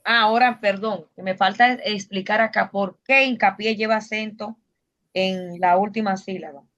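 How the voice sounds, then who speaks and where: Woman teacher, patient explainer, middle pitch, muffled lo-fi line. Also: steady tone, moderate pace, a bit bright. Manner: patient, questioning, explains step by step. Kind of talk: online class instruction.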